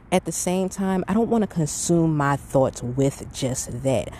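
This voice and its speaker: Outdoors, a middle-aged podcast host talks casually in an earnest, reflective monologue. His voice is medium-pitched and a little mellow, with wind and outdoor ambience in the background.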